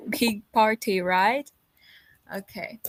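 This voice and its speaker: A woman's voice: medium pitch, steady tone, takes it slowly, slight background noise. A woman English teacher giving patient, encouraging feedback to students in an online class over a video call.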